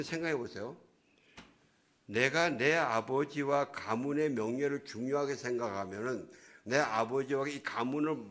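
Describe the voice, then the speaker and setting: A male pastor giving a sermon, retelling a story vividly in casual, slangy speech. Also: mid-range voice. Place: church.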